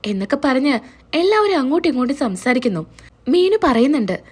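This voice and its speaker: A woman retelling a television serial episode in plain storytelling, reading all the dialogue herself. Her voice is high and animated, rising and falling a great deal. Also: fast talker, husky. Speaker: serial review narrator.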